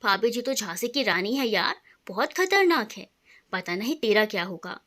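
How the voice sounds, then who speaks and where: A woman voicing a joking, flattering young man who is nervous around his friend's wife, in a storybook reading. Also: mid-range voice, moderate pace. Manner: jokey, flattering.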